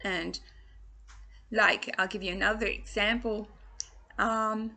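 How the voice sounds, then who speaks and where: In a mid-range, steady, sharp voice with vocal fry, a woman speaks at a slow pace. She's in her sixties, English-born and Australian-raised, with an Australian accent carrying a trace of English. She teaches singing by home video from a small room, carefully enunciating vowel words into a laptop webcam.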